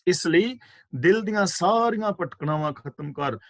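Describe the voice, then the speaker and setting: A man giving a scripture class, reciting verses slowly and explaining their pronunciation and meaning, with fervent rhetorical questions. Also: sits high, expressive, gravelly, fairly bright tone, no room sound. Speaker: katha preacher. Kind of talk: scripture exposition.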